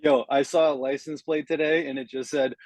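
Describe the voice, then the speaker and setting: A man's voice: on the high side, flat delivery, brisk, darkish tone, no echo, rough recording. A man with a Massachusetts accent co-hosting a podcast in easygoing, enthusiastic casual banter. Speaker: podcast co-host. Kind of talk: casual chat.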